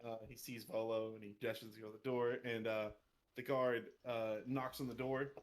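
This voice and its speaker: A man's voice: medium pitch, level tone, moderate pace. Male game master: chatty, casual, runs the table. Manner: loose and chatty, swears casually, laughs often.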